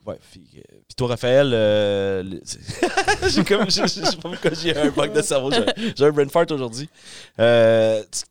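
A man's voice: mid-range voice, very animated, normal speed, crowd noise. A man with a Quebec French accent hosting a casual podcast, informal and joking as he asks his guests questions.

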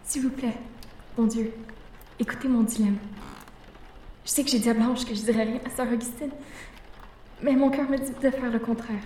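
A woman's voice: a little high, fairly even intonation, moderate pace, long pauses, mellow, slight background noise, close to an everyday voice. A woman playing a pious, self-righteous teenage boarder who stammers and pleads, in an audio drama. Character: pious prim teenage boarding-school girl. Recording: roomy, distant mic.

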